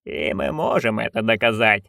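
A stern old witch speaks low and quiet, clipped and bone-dry, as a male narrator puts her on. She never hurries. The recording is close and dead. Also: expressive, normal speed, vocal fry, no room sound, full character voice. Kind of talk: audiobook character voice.

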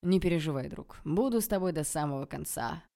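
A woman's voice: low voice, brisk. A woman voicing an amused man with insincere, mock-sympathetic remarks. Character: amused, insincere male companion.

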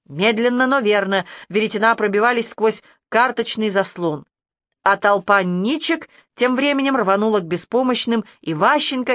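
A woman narrating an audiobook in a measured, dramatic reading style. Her voice sits at a middle pitch. It is recorded close and dry, with no room sound. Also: a bit bright, no room sound. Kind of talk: scripted narration.

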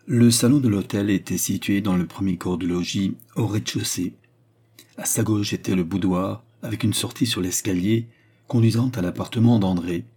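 A man narrates a classic novel at a measured, steady pace. His voice sits low and dark. A husky grain colors every line. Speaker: audiobook reader.

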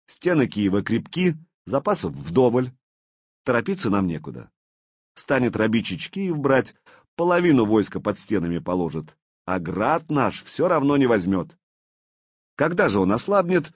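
A man's voice: on the low side, wildly swooping pitch, husky, no room sound, highs cut off, voice pushed up, exaggerated voice. A man voicing a cautious commanding prince. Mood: confident. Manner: authoritative, measured.

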